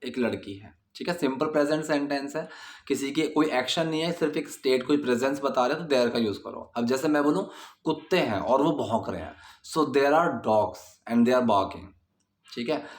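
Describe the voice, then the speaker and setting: Man, patient English grammar teacher, slow example sentences, roomy echoey sound. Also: medium pitch, lively intonation. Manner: explains patiently, repeating example sentences slowly. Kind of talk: explaining grammar in a video lesson. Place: indoors at night, dogs barking outside.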